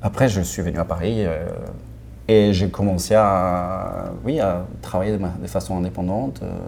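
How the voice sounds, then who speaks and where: Brief: low, gravelly Argentine man in his forties, hesitant, warm-toned, faint background hum. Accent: Argentine Spanish. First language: Spanish. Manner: hesitant, many restarts, laughs often. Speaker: film director. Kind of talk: casual interview answers.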